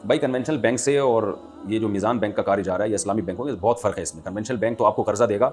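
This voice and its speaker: A man, an Islamic scholar answering listeners' questions in a lecturing manner and reciting Arabic lines slowly. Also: fairly low pitch, a little mellow, soft background music. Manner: lecturing, quotes Arabic verse slowly and clearly. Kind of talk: religious Q&A talk.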